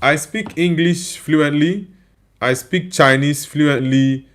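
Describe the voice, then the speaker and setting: A Nigerian-accented man whose native tongue is Igbo takes it slowly in a slightly high voice. Tired, he hosts a casual live stream, reading viewers' comments out loud and responding.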